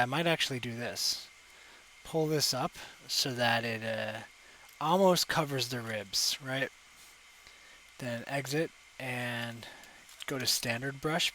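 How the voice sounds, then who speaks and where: A man's voice: mid-range voice, sharp tone, slight background noise, poor audio. A young man talking through a live digital sculpting session at his desk mic, thinking aloud with lots of fillers and self-corrections. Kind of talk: casual live tutorial commentary. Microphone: desk microphone.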